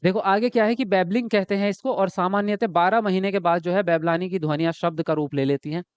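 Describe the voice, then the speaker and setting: A man teaching an exam-prep class online, lively and repetitive, often checking whether his students follow. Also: sits high, quick pace, clean tone, no echo, highs cut off. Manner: lively, repeats words and asks students if they follow.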